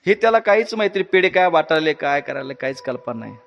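A man preaching a devotional sermon and telling a story, swinging between loud exhortations and soft asides to his audience. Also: a little high, expressive, fast talker, vocal fry, lo-fi sound, a little hiss or hum.

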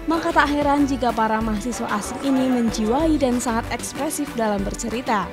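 A woman's voice: a little high, a little fast. A woman reading scripted narration for a television news report. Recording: music under voice-over. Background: music.

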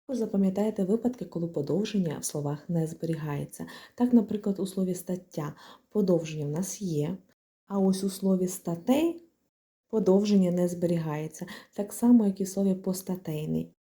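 Methodical woman teacher, very dark voice. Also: lowish voice, a little fast. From Ukraine. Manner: clear, methodical, spells out letters and examples. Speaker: language teacher. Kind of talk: explanatory lesson.

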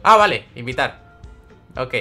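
A man's voice: mid-range voice, expressive, a little slow, sharp tone, soft background music. A young man streaming a game live, chatting with viewers, greeting them by name and reading the chat aloud. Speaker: gaming streamer.

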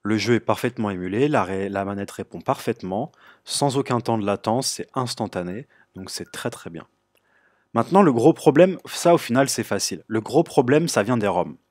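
A man hosting a computer tutorial, explaining step by step in a relaxed way with frequent filler sounds. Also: on the low side, moderate pace, dry recording, studio quality. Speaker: tutorial host. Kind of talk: screen-recorded tech tutorial.

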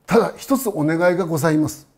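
A man voicing a grieving, humble old village father who speaks with deep deference. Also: quick pace, darkish tone, slightly rough. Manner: deferential, very polite speech.

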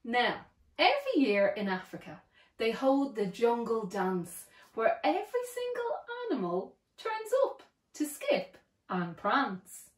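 A woman slowly reading a rhyming children's picture book aloud in an expressive, sing-song way. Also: fairly high pitch. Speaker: storybook reader. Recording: echoey room.

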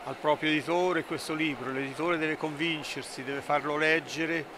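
An older man, a publisher, interviewed at a book fair stand, speaking in a measured, explanatory way with hesitant fillers into a handheld mic. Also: a little high, steady tone. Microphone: handheld mic held by interviewer. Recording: noisy fair hall ambience.

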